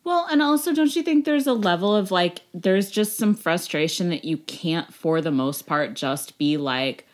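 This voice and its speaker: Woman, podcast co-host, animated swings in pitch, blunt, swears, laughs a lot. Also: moderate pace. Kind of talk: casual chat.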